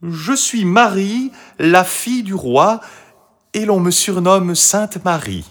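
A man's voice: fairly high pitch, very animated, unhurried, voice pushed up. A man voicing a young, cheerful and kind princess girl in a storybook reading. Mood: eager, bright.

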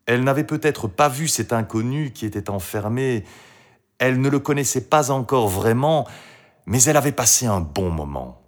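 A man reading a fairy tale aloud as a storyteller, with expressive, dramatic delivery. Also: mid-range voice, moderate pace.

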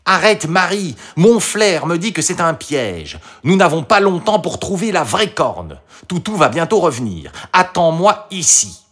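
Clever storybook fox, a man voicing it: lively, coaxing, raised voice. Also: fairly high pitch, normal speed, voice pushed up. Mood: urgent. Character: clever helpful male fox, sly and warm.

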